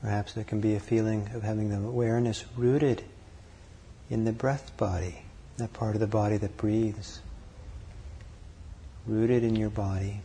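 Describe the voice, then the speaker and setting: A man leading a guided meditation, calm and unhurried, speaking in short phrases with long pauses between them. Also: fairly low pitch, a little hiss or hum. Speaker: meditation teacher.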